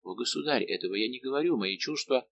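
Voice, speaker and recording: A man's voice: mid-range voice, lively intonation, quick pace, gravelly, highs cut off, slight background noise. A man voicing a proud, teasing young princess in an audiobook, coy and defiant in manner.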